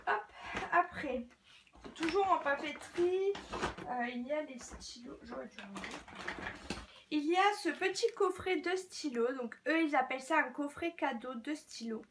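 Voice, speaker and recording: A woman's voice: high-pitched, lively intonation, a little slow, background noise. A young woman from France showing off her shopping haul in a casual, rambling way, with plenty of fillers and restarts. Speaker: beauty vlogger. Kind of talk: casual haul video chat.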